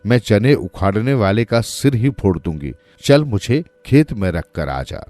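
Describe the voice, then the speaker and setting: A man's voice: fairly low pitch, lively intonation, measured pace, warm tone. A man voicing a quarrelsome old village woman who scolds and threatens, in a cartoon story. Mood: threatening.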